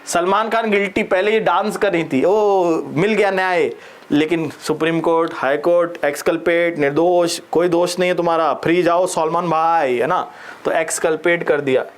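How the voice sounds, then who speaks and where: A man with an Indian accent teaches English vocabulary for an exam, his voice sitting a little high. He is playful and animated, cracking jokes and switching freely between Hindi and English. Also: moderate pace. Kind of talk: Hinglish exam vocabulary lesson.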